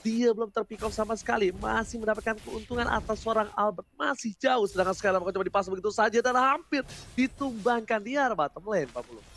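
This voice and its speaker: Indonesian guy casting esports, super high voice, hyped game announcer going really fast. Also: slight background noise. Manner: excited fighting game announcer delivery. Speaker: esports play-by-play caster. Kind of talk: live esports match commentary.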